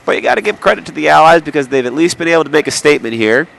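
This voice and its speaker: A man's voice: fairly high pitch, animated, very fast, creaky, a bit bright, slight background noise. A man with a nasal voice from a cold, calling amateur hockey play-by-play in an indoor arena with chatty, jokey asides. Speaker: play-by-play commentator.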